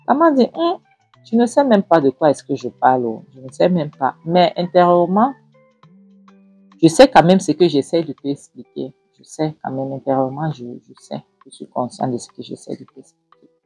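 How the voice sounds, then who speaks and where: A woman's voice: sits low, big pitch swings, normal speed, darkish tone, husky, no echo, faint music behind, exaggerated voice. A woman voicing a stubborn, scheming mother who scolds her daughter. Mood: smug. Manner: scolding, insistent.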